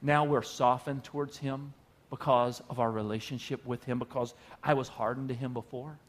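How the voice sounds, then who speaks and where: A man preaching a sermon in an animated, conversational storytelling manner. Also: mid-range voice, normal speed. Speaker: pastor.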